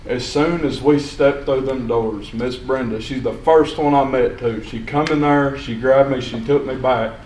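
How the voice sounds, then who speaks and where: A man's voice: mid-range voice, measured pace, hardly any pauses, darkish tone. A young man giving unscripted public comment at a county meeting, plain-spoken and rambling with restarts. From Sequatchie County, Tennessee. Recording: echoey hall, distant mic, faint hiss.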